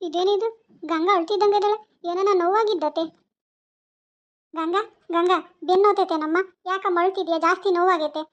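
A woman's voice: extremely high pitch, steady tone, brisk. A woman voicing a caring, anxious mother-in-law who coaxes and questions. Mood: worried. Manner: coaxing, worried questioning. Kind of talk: cartoon voice acting. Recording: dull lo-fi recording.

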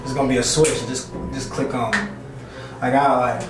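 A man talking in a relaxed, confident and rambling way. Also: medium pitch, moderate pace. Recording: distant, echoey, noisy.

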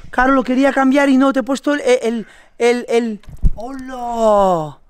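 A woman vlogging a prank outdoors by a pool, loud and exclaiming, often laughing and shouting. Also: sits high, steady tone, fairly quick, clean tone. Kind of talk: excited vlog banter. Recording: noisy outdoor camera audio.

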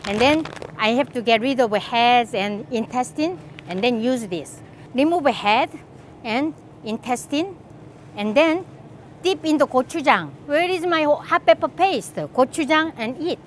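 A woman's voice: high-pitched, animated, unhurried, a little hiss or hum. Chatty Korean-accented woman shopping. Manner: chatty, enthusiastic, laughs often. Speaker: cooking channel host. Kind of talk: casual shopping walkthrough. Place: large grocery store aisles, indoors.

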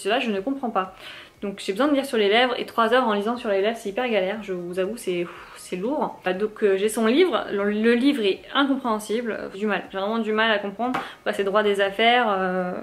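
A young woman from France chatting casually in a vlog, with lots of fillers and restarts. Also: medium pitch. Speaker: vlogger.

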